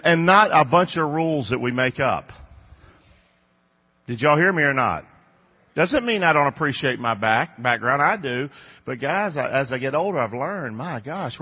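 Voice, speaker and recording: In a church sanctuary, captured in dull audio with long reverb, a North Carolina pastor in his fifties talks casually and directly to his congregation in a Southern accent. His folksy sermon comes in a mid-range voice with a breathy edge.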